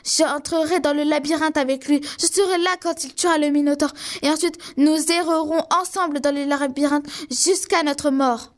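A woman playing an eager, high young princess. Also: fairly even intonation, moderate pace, few pauses, close to an everyday voice. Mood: defiant.

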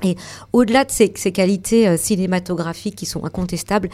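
A woman hosting a casual radio chat, calmly reading out a film recommendation with a little irony. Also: fairly low pitch, fast talker. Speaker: radio show host.

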